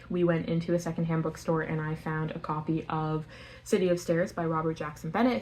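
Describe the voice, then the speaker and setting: A Canadian book vlogger with a fairly low voice chats casually to her camera from the floor of her home. She rambles in a friendly way, leans heavily on filler words and keeps stopping to correct herself on names. A faint hiss of background noise runs beneath her voice.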